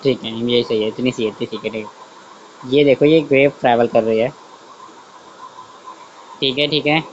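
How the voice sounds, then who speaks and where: A man with a mid-range, steady voice speaks at normal speed; the highs are cut off and there's slight background noise. He teaches an online science class in a chatty way, repeatedly saying "theek hai" and talking through his drawing. He corrects himself as he goes and asks students if they understood.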